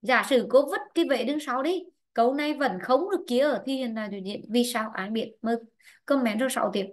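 Higher-voiced woman teaching an online class. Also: brisk. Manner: patient, quizzing and prompting students by name. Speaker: English teacher. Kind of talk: online class, questioning students and explaining grammar rules.

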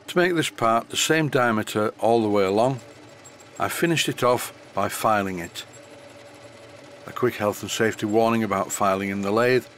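This unscripted workshop tutorial voice-over comes from an older model engineering tutor with a softened northern English accent. He talks in a relaxed manner with a slight stutter, into a high-end studio microphone, and there's slight background noise.

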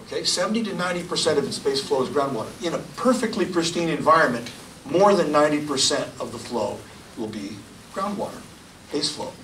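Loud guy giving a science lecture, high-ish voice, boomy room, mic kinda far off. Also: fairly quick, echoey room, slight background noise. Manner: loud, energetic, gestures and points at slides. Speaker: county hydrogeologist giving a public talk. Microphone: lapel mic, filmed from the room.

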